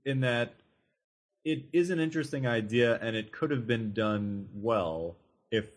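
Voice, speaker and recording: A man in casual chat as a podcast co-host, measured and hedging. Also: medium pitch.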